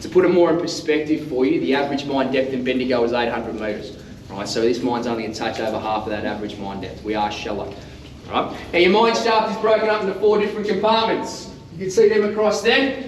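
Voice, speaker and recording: An Australian man works as a tour guide, using a loud teacher voice that is pitched a little high. His patter is informal and jokey, and it rings around an echoey underground space, picked up slightly away from the mic. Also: distant mic, slight background noise. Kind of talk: guided tour talk to a group. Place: underground mine tunnel.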